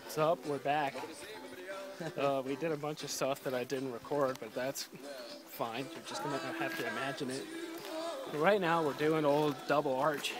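A man's voice: mid-range voice, fairly even intonation, normal speed, over music. A young man casually vlogging a hike into a handheld camera, joking and offhand. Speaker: vlogger filming a hiking trip. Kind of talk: casual vlog narration. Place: outdoors at a busy scenic lookout. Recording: busy crowded outdoor spot.

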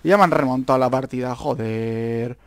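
A man with a Spanish accent from Spain giving gameplay commentary as a gaming youtuber, excitable, swearing and repeating words as he yells at the game. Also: mid-range voice, moderate pace, slight background noise.

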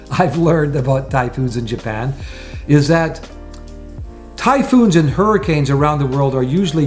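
Older man, earnest explainer, numbered points, home room, faint guitar behind. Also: mid-range voice. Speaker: sailing vlogger. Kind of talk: to-camera vlog talk. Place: small room at home, indoors.

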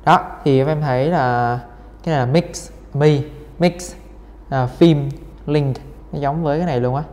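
A man teaching English works through exam questions, repeating each word again and again amid many fillers. His voice is a little high and darkish, at a measured pace. The room is reverberant, with faint noise in the background.

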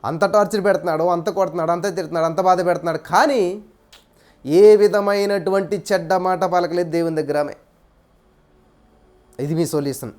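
Guy preaching, high pitched, keeps hammering the same phrases over and over. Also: fairly even intonation, brisk, pauses often, a little mellow. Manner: repetitive, emphatic phrasing. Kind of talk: sermon storytelling.

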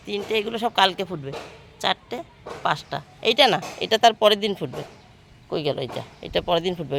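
A woman's voice: mid-range voice, a bit bright, a little hiss or hum. A woman chats to viewers as her friends, narrating her morning on a phone camera at home. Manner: chatty, addresses viewers as friends while doing chores. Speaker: vlogger. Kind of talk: casual daily-life vlog narration. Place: home rooftop garden and kitchen.

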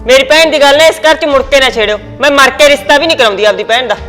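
A woman with a Punjabi accent playing a quarrelsome daughter-in-law in a family skit, quick and defensive. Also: sits high, a bit bright, soft background music.

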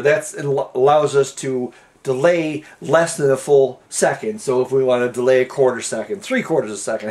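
A man's voice: medium pitch, darkish tone. A man hosting a casual programming lesson, walking through code in a folksy, rambling way with frequent restarts and fillers. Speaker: programming tutorial host. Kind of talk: casual screen-recorded coding lesson.

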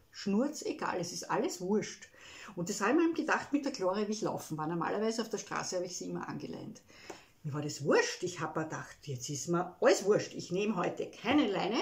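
Austrian lady talking through feelings, halting and emotional, mid pitch voice. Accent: Austrian German. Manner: emotional, halting, frequent "ja" tags. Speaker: spiritual self-help speaker. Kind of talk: personal reflective talk.

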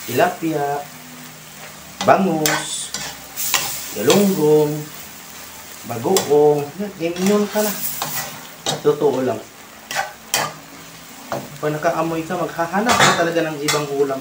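A man with a Filipino accent hosting a casual cooking vlog, chatting and giving shout-outs to viewers while he stirs a pan. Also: on the high side, background noise. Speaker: cooking vlogger. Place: home kitchen, indoors, at a stove. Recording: roomy kitchen with loud sizzling and clattering pans.

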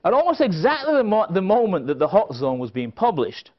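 Delivering a prepared conference lecture from an indoor podium, a middle-aged speaker uses a high voice with huge pitch swings, talking a little fast. He adds dry, wry humorous asides and emphasizes quoted phrases. The event recording is slightly dull and band-limited.

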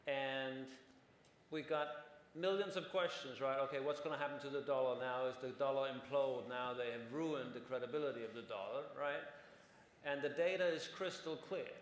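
A man's voice: medium pitch, normal speed, a little hiss or hum. Man in his forties, conference panelist, explains things and tags "right?", roomy hall with long reverb. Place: large conference hall on stage.

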